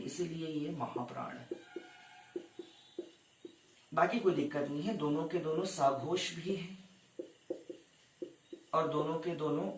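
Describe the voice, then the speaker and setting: A slightly high male voice, heard through a distant mic with a roomy sound. In a grammar lecture aimed at exam preparation, he explains things step by step, respectfully addresses his students as "sarkar," and does countdowns for screenshots.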